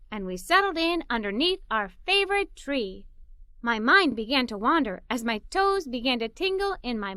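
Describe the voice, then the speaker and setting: A woman reads a children's story aloud in the first person as a cheerful, imaginative little girl, delivering it expressively and playfully. Her voice is high, and the recording is dry with clean studio sound.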